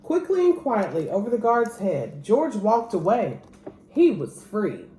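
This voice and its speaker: An expressive storyteller, this woman reads a children's picture book aloud in a mid-range voice at a measured pace. The recording has a roomy echo and clear background noise.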